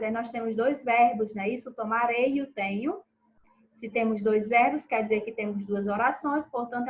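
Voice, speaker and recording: A woman teacher going through a recorded review lesson for pupils, checking in with them after each answer and stressing syllables slowly and clearly. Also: on the high side, low-quality recording.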